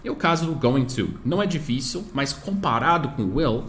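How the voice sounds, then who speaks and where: A man whose first language is English teaches grammar to learners in Portuguese, explaining patiently and modeling pronunciation slowly. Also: medium pitch, lively intonation, a bit bright.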